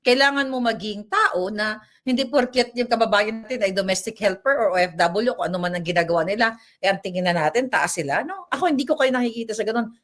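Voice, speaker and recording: A woman delivers an informal, opinionated commentary straight to her viewers. Her delivery is animated, with constant check-ins for agreement and bursts of laughter. Her voice sits at an ordinary middle pitch. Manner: animated, keeps asking "di ba?", laughs between lines. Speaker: commentary vlogger. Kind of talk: casual ranting commentary, mixing in English.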